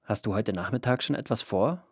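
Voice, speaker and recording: A man's voice: fairly low pitch, brisk, husky, no echo, clean studio sound. A man voicing a sly, smug schoolgirl.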